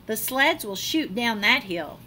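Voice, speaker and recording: Slightly high in pitch, this middle-aged woman reads a children's picture book like a teacher, drawing out words with animated, dramatic flair. The setting is a small indoor classroom, and a little background noise can be heard.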